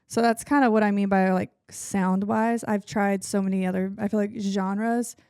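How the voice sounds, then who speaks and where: A young woman country singer with a raspy, low voice, chatting casually as a guest and trailing into vocal fry at the ends of sentences. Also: fairly even intonation, normal speed, a little mellow, no room sound, studio quality. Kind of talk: casual chat.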